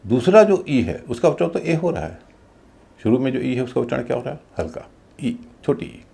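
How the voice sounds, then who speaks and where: Gravelly, lively man teaching pronunciation. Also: mid-range voice, brisk. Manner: explanatory, stresses example words. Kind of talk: explaining a lesson to camera.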